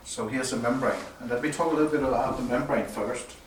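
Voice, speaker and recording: This clip has a loudspeaker designer presenting a new product at an audio show, speaking unscripted and semi-technically in an indoor room. His medium-pitched delivery is explanatory but halting. He's recorded from a distance, so the sound is roomy with some faint noise.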